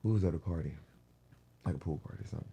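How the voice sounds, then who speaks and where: A man's voice: rumbling low, rapid-fire, dark tone, slightly rough. A young man hosting a podcast, telling a story in a casual, slangy way full of profanity. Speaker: podcast host.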